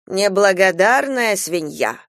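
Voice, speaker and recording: A woman's voice: medium pitch, lively intonation, a little slow, dry recording, studio quality, voice pushed up, natural voice. A woman reading a story aloud, voicing a stern, reproachful old grandmother. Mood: scolding. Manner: weighty, reproachful, scolding.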